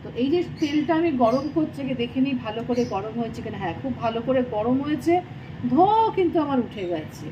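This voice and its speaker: A woman's voice: high voice, very animated, fast, lo-fi sound, background noise. A woman from chatting casually in her home kitchen as she cooks for her vlog, stumbling now and then while she tries out a dialect. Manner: chatty, laughing at her own slips while trying a dialect. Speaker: cooking vlogger.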